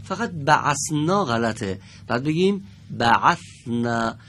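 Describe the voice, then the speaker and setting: A man teaching Quran recitation to a class, patiently correcting and praising students and slowly modeling the verses. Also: medium pitch, expressive, a bit bright, slight background noise. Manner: drawn-out slow recitation when modeling verses. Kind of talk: classroom lesson with students reading aloud.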